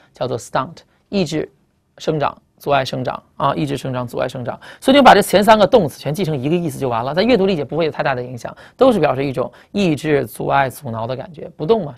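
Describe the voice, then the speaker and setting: Fast-talking gravelly male teacher. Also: fairly high pitch. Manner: explains word by word, repeats key terms, spells letters out. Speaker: English vocabulary teacher. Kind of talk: recorded classroom lecture.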